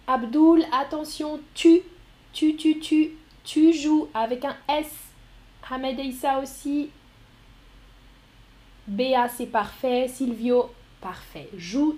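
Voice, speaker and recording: A woman's voice: high voice, darkish tone. A woman teaching a live online French lesson, spelling words letter by letter and praising students by name. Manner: encouraging, calls out students by name.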